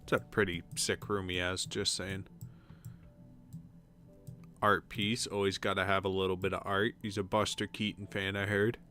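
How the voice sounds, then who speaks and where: A man's voice: low-pitched, level tone, moderate pace, pauses often, sharp tone, faint music behind. A man casually commenting as he plays a decorating game on stream, muttering to himself as he places furniture. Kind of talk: casual let's-play commentary.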